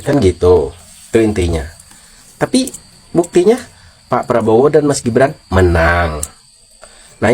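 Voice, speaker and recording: Indonesian guy doing mocking casual commentary, lowish husky voice, teasing and scolding. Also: darkish tone. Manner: teasing, scolding, addresses his target as an old man. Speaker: video commentator and host.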